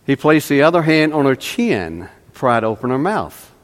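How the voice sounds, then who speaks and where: A man preaching a sermon, telling a story slowly with dramatic pauses. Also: medium pitch, big pitch swings. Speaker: pastor. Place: church sanctuary. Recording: long hall reverb.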